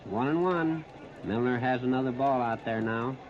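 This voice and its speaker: Muffled and noisy, this 1930s radio disc captures an American man doing live play-by-play of a 1939 baseball game. Positioned behind home plate at an outdoor park, he speaks at a medium pitch in brief, clipped bursts separated by pauses.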